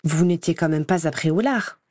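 A woman's voice: sits low, normal speed, a little mellow, no echo, clean studio sound, lightly acted. A woman reading an audiobook voices a stern older female professor with a cold, clipped, reproachful manner.

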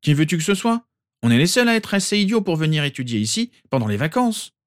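Ron Weasley, a man putting on a high teenage boy. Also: sing-song, fast. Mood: worried, teasing.

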